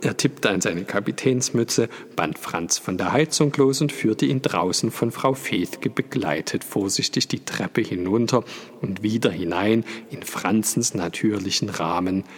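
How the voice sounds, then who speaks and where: A man reading a story aloud in a slow, measured way. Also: lowish voice, husky, in a large hall. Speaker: audiobook narrator. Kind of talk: storybook narration.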